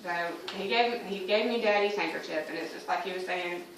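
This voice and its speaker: A woman's voice: mid-range voice, brisk. A woman giving a personal spoken testimony in church, telling her story and acting out her conversations with God. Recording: echoey room from a distant mic, faint noise.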